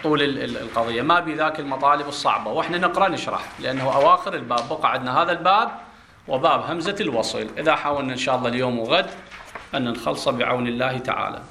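A man gives a grammar lesson and keeps quizzing his class with questions. His voice sits a little high and sounds bright and forceful. It rings in an echoey classroom. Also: slight background noise. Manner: explains step by step, quizzing students with questions. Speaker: Arabic grammar teacher.

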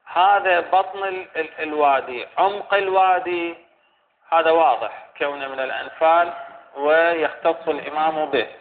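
A man teaching a religious legal text in a lecture, pausing and restating phrases as he explains. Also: fairly high pitch. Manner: halting, repeats and restates phrases while explaining. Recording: tinny phone-like recording with faint hiss.

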